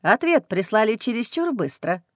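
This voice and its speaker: A woman's voice: fairly high pitch, normal speed, no room sound, studio quality. A woman voicing a cold, indifferent male werewolf warrior in an audiobook. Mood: cool. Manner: calm, dismissive. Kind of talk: audiobook character reading.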